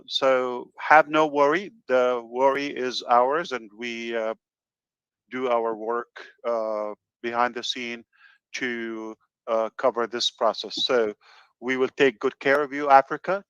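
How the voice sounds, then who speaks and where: A man hosting a webinar over a video call, talking in a reassuring, halting way with many fillers. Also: mid-range voice, fairly even intonation, fairly bright tone, clean tone, dry recording, lo-fi sound. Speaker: webinar host. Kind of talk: casual webinar talk.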